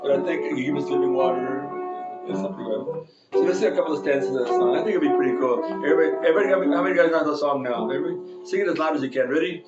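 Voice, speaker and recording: A man's voice: on the high side, rapid-fire, echoey room, muffled recording, over loud music. A man preaching an informal sermon in a church, telling a personal story in a rambling, self-correcting way with frequent chuckles. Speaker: pastor. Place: church sanctuary.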